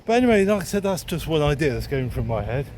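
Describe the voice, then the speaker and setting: A man with a slightly high, somewhat mellow voice talks at a quick pace with big pitch swings, rambling and hesitating as he thinks aloud unscripted. He is a second-hand bookseller and vlogger recording while walking along a town street, with traffic and street noise around.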